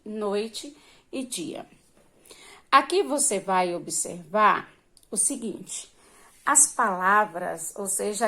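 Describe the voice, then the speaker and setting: Woman teaching young kids remotely, very slow, patient, drawn-out words. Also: mid-range voice, fairly bright tone. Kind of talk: remote primary school lesson.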